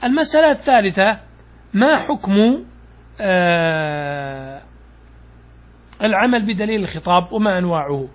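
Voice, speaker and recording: Husky male scholar giving a patient lecture. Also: high voice, lively intonation. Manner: patient, explanatory, with pauses and "uh" fillers; poses questions and answers them himself. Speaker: Islamic scholar teaching jurisprudence. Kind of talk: classroom lecture explaining a text.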